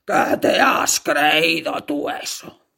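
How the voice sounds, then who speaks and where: A woman playing a bitter, bossy male farm master who talks in a harsh, scolding way, with a husky voice. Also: low-pitched, lively intonation, slow pace, pushed and bright, full character voice.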